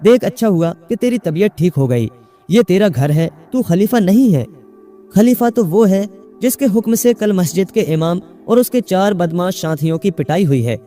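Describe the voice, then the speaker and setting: A man reading a story, voicing a worried elderly mother who pleads with her confused son, pitched up high. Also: expressive, moderate pace, dark tone, soft background music. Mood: relieved chatter. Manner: anxious, pleading, rising higher.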